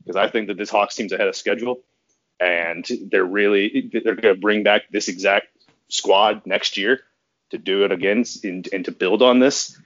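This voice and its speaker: A man's voice: on the low side, moderate pace, a bit bright. Male podcast guest, giddy and rambling, dull audio. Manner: rambling and giddy, with frequent restarts and laughs. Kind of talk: casual sports podcast chat.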